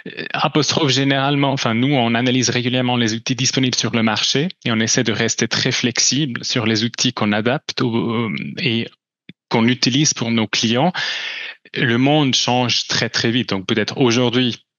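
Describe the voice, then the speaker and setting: This company presenter, a native German speaker from Switzerland, gives a conference talk with slides in a halting way full of restarts and fillers. His voice is mid-range and fairly bright, with fairly even intonation and a moderate pace. There is no room sound, and the high frequencies are cut off.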